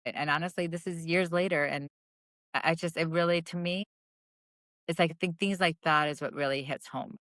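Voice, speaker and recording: A middle-aged woman from Southern California speaks as an interview guest, lively and heartfelt as she acts out the voices in her stories. Her voice is smooth and clear. The recording is dry and close. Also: low voice, brisk, no room sound. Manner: animated storytelling, acts out voices. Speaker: retired police officer, guest. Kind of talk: emotional conversational interview.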